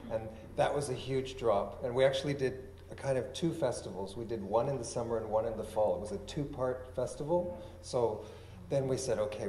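An easygoing man moderates a festival panel and leads with open questions. His voice is mellow and relaxed. The hall echoes and a faint hum sits in the background. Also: medium pitch. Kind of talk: casual panel talk. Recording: roomy hall with faint noise.

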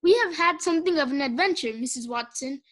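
A woman reading the part of a doting, fussy gentleman who gushes over his pet pig. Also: high-pitched, brisk. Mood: gushing. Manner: effusive, gushing.

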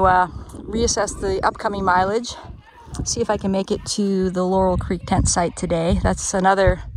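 A woman in her fifties, a thru-hiker vlogger, chats casually to her phone camera held at arm's length during a long-distance hike, first on a mountain meadow and later inside a small tent. Her medium-pitched voice is plain-spoken, with many fillers and restarts, and there's a little hiss or hum.

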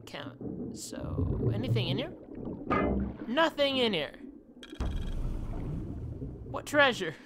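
A woman's voice: a little high, big pitch swings, takes it slowly, pauses often, heavy background noise. A woman hosting a gaming channel, giving casual, chatty commentary and thinking aloud as she plays. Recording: loud game audio under the voice.

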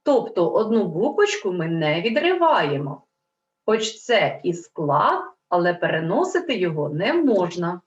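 A woman gives a lesson to young children, stretching out each example word so they can follow. Her pitch rises and falls a lot as she explains. The sound is a bit dull and echoes as in a room. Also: big pitch swings. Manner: slow, clear, drawn-out word dictation. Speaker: primary school teacher. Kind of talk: Ukrainian language lesson for children.

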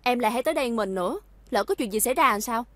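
An actress playing a jealous, sharp-tongued young fiancée, needling and confrontational. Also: female voice, a little high, animated, racing, no echo.

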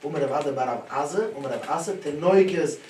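A man giving a Talmud lesson, animated, his voice rising and dropping sharply as he tells the stories. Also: fairly high pitch, moderate pace. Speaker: Talmud teacher. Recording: echoey room, voice from a distance, clear background noise.

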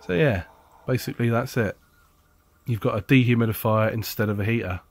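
A man's voice: on the low side, dry recording. A man explaining appliance repair in a casual, chatty how-to style, blunt and jokey, with a sarcastic streak.

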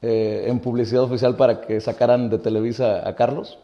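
A man's voice: medium pitch, flat delivery, brisk, mellow, muffled recording. A middle-aged man from Mexico hosting an interview, pressing his questions insistently with a touch of sarcasm. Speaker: interviewer, host. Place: indoor office with wooden cabinets.

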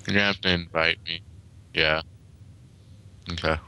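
A young man calmly commenting on a strategy game over a voice call. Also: low voice, normal speed, background noise. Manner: laid-back, flat commentary on loot and stats. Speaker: gamer host. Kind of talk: casual gaming chat over voice call.

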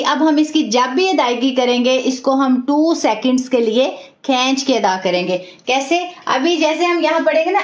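A high-pitched woman teaching a recitation lesson, patiently repeating each rule step by step and praising her students warmly. The recording sounds echoey and slightly dull. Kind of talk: tajweed lesson.

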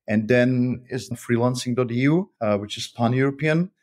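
Chatty and warm, this Czech author and freelancer answers interview questions in English on a podcast, his speech full of "uh" fillers and restarts. His mid-range voice is a little mellow and moves at an ordinary speed.

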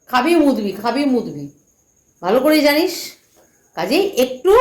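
A woman from ranting angrily to camera as a vlogger, scolding and insulting in repetitive bursts. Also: high voice. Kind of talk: angry rant to camera. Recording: echoey room.

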